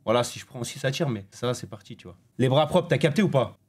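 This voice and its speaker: A man in his twenties chatting casually on a live stream, bantering with his chat in quick slang. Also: medium pitch, animated.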